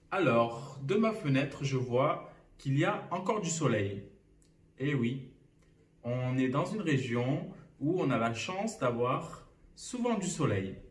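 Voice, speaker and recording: A male teacher giving a lesson from home to young children, speaking slowly and clearly and sounding out syllables. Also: on the high side. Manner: slow and clearly articulated, clapping out syllables. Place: a room at home. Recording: roomy echo, somewhat far from the mic.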